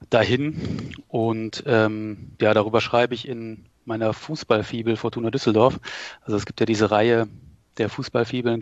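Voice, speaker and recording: A man in his thirties from the Rhineland, a podcast guest speaking in a measured way with frequent fillers over a remote call. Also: on the low side, no room sound, highs cut off. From Rhineland, Germany. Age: 30s.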